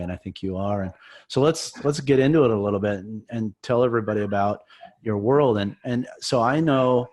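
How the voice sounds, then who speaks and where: Lower-pitched man, upbeat mentor type, leads the conversation with encouragement. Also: darkish tone. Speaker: mentor and interviewer. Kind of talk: enthusiastic interview.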